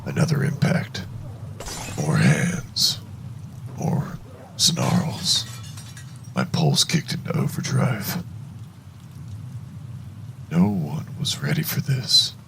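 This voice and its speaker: A man narrating a first-person horror story in a hushed, deliberate, suspenseful way, with a gravelly voice. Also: very deep voice, very animated, noisy background.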